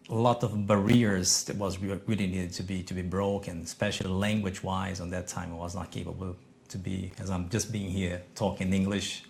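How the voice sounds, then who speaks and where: A middle-aged man from Brazil, a podcast guest talking about his entrepreneurial past in halting, with frequent restarts. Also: deep voice, creaky. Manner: non-native English, halting restarts, lively emphasis. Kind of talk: conversational interview.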